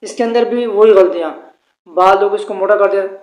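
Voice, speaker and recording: A man teaching a tajweed pronunciation lesson, speaking slowly and formally and drawing out the letters he demonstrates. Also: sits high, fairly even intonation, darkish tone. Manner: slow, formal address with drawn-out demonstrated letters. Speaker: Quran recitation teacher. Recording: echoey room.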